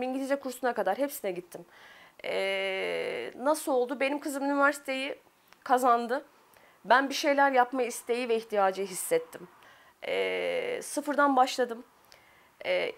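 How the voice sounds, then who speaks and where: A woman in her forties from Turkey, a business owner giving an earnest, reflective interview testimony, pausing often with fillers. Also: on the high side.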